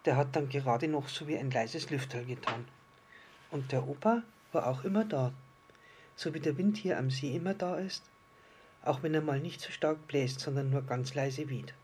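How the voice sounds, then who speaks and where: A man narrating a children's story softly and gently. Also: medium pitch, normal speed, a little hiss or hum.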